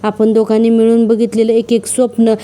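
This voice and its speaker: A woman's voice: fairly high pitch, monotone, fairly quick, dark tone, lightly acted. A woman voicing a betrayed young man who pleads and accuses in heartbreak. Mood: pleading.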